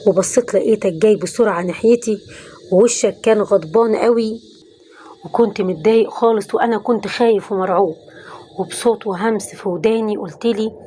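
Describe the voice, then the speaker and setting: A woman's voice: mid-range voice, brisk, mellow, a little hiss or hum, lightly acted. A woman voicing a repentant middle-aged former thief who confesses in an Egyptian accent, in a pleading tone. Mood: remorseful. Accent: Egyptian Arabic.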